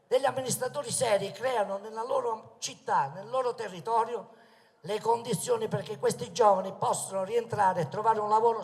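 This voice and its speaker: A man giving an impassioned political rally speech, booming and declamatory, with rhetorical questions and emphatic repetition. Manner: booming, declamatory public oratory. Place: open town square. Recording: long reverberation of amplified outdoor speech.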